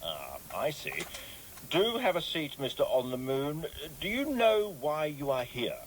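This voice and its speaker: Pompous male inspector, highish, very sing-song, radio comedy sketch. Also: wildly swooping pitch, measured pace, a little hiss or hum, low-quality recording. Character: prim officious male government inspector.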